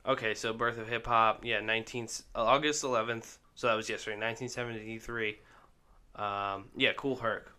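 A man co-hosting a laid-back podcast, talking in a bright, slightly low voice. He rambles and halts, circling back with fillers and restarts as he works through his thoughts. It is an easy, unscripted chat. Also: steady tone, moderate pace. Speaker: podcast co-host. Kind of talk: casual chat. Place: indoor basement room.

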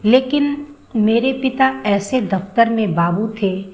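A woman's voice: fairly high pitch, lively intonation, slow pace, darkish tone, low-quality recording. A woman voicing a boastful one-legged former soldier who brags about his bravery. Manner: bragging, storytelling.

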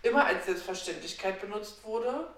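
A woman's voice: mid-range voice, animated, normal speed, a bit bright, distant mic. A woman in casual, colloquial conversation, musing aloud and posing questions. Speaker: podcast co-host. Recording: echoey room with clear background noise.

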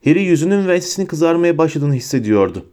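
Guy narrating an audiobook, mellow dark tone, measured and expressive. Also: fairly high pitch.

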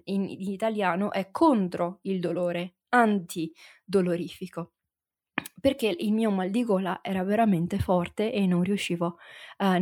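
A woman teaching a language lesson, her voice still slightly hoarse from the flu, talking slowly and repeating words for learners. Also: mid-range voice, darkish tone, no room sound, studio quality. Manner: slow and deliberate, repeats and conjugates words for learners. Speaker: language teacher and podcast host.

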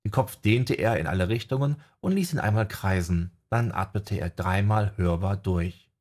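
A male narrator reads a fantasy audiobook in a calm, measured way. His voice is low and husky, with a breathy grain. The pacing stays steady and unhurried.

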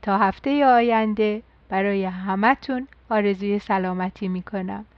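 A woman reading a bedtime story for children with lively sound words and a gentle manner, on a close mic in dull, dry audio. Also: mid-range voice, no echo.

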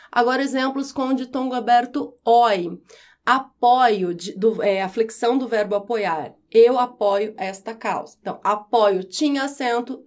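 A woman teacher gives a grammar lesson. She explains methodically and repeats each example slowly and clearly. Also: fairly high pitch.

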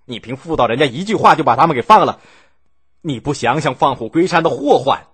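Guy doing a raging general yelling, high and loud, husky voice. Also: animated, fairly quick. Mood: furious. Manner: shouting, scornful. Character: furious male general, spitting with rage.

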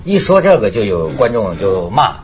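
A man's voice: fairly low pitch, sing-song, moderate pace, a little hiss or hum. A man hosting a talk show in casual chat, telling stories animatedly and laughing often. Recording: slightly muffled broadcast audio.

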